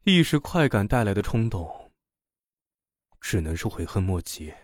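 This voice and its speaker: A man voicing a smug, seductive middle-aged professor who talks low and sly. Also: big pitch swings, drawn-out words, dark tone, dry recording, studio quality, heavily acted. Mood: rueful.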